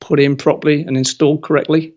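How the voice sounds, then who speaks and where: Opinionated male guest, upbeat and a bit high-voiced, slightly muffled lo-fi audio. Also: quick pace. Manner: lively, opinionated, colorful comparisons. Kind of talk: casual interview conversation.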